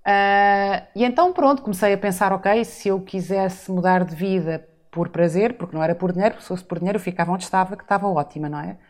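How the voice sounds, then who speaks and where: A medium-pitched woman in her forties, originally from the Azores, talks fast and with few pauses as a podcast guest recounting her life. The casual interview finds her reflective and prone to rhetorical asides.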